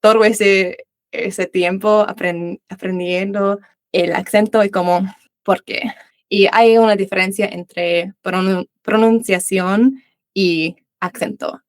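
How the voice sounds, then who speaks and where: Here a young Australian woman speaks slowly at medium pitch, her intonation fairly even and no room sound audible. She is an English teacher and native English speaker, a guest in a relaxed interview, answering in halting learner Spanish with Uruguayan voseo, many restarts and fillers.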